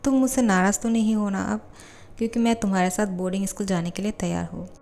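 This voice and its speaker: Woman doing a caring big-cousin boy, pleading, soft mellow tone. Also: medium pitch, steady tone, quick pace, vocal fry, natural voice. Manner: pleading, protective. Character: twelve-year-old boy, caring older cousin. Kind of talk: fan fiction voiceover storytelling.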